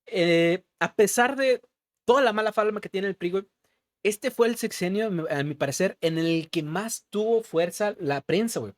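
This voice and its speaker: A man's voice: sits high, normal speed, no room sound. A young man with a Mexican accent, co-hosting a casual political chat and dropping "güey" constantly. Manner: slangy, peppers talk with "güey". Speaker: podcast co-host.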